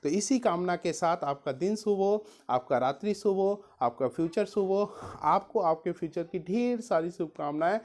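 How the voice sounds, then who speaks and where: A woman teaching physics speaks in a lowish, darkish voice at normal speed, guiding students on studying a chapter for their exams. She uses English science terms, refers to her listeners as dear students, and keeps underlining which topics matter in this exam study-guide lesson.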